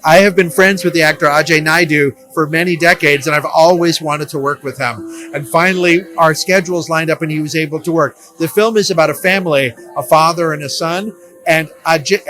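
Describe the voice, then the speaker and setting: Bright, fairly high-voiced man, interview guest. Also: steady tone, fairly quick, faint music behind, rough recording. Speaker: film director, interview guest. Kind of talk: conversational interview.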